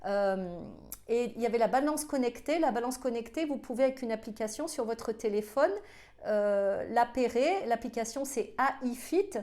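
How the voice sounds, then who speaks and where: A woman with a fairly high voice talks casually to her viewers in a vlog. She is cheerful and chatty but hesitant, filling her pauses with many fillers. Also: expressive, darkish tone. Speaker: health vlogger.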